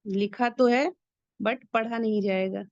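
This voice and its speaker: A woman's voice: a little high, fairly even intonation, slow pace, a little mellow, no echo. A woman teaching recitation rules, explaining each point patiently and repeating the important ones. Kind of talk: step-by-step recitation lesson. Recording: dull lo-fi sound.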